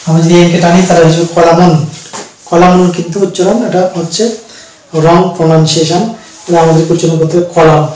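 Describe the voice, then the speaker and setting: A man teaching an English pronunciation lesson, patiently explaining step by step and repeating words slowly for learners. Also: fairly high pitch, level tone, darkish tone, a little hiss or hum. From Bangladesh. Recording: very echoey room, mic at a distance.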